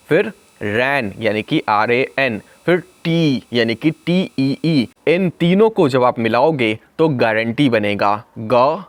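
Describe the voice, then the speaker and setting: A man teaching an exam prep spelling lesson, slowly spelling out words letter by letter. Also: mid-range voice, dry recording.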